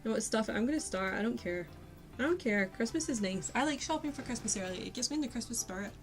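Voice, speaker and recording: A woman's voice: a little high, animated, very fast, faint music behind, rough recording. A young woman chatting casually with her viewers as she paints on a livestream, laughing often and talking to herself. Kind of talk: casual chat while painting.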